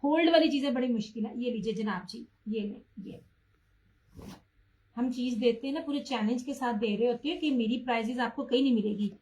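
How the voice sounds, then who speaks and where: Woman, high voice, live-stream seller, chatty, pushy about price. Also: brisk, darkish tone, a little hiss or hum, poor audio. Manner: chatty, addresses viewers by name, insists on low prices. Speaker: online clothing seller. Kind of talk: live-stream sales pitch.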